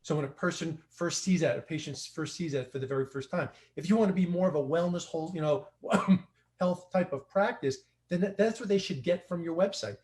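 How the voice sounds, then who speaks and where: A man's voice: fairly high pitch, a little fast, darkish tone. A man coaching fellow practitioners in a casual livestream discussion, talking emphatically and repeating his key points.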